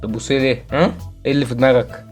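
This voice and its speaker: A young man with an Egyptian Arabic accent doing excitable let's-play commentary as a gaming video host, repeating phrases and crying out. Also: medium pitch, rapid-fire, soft background music.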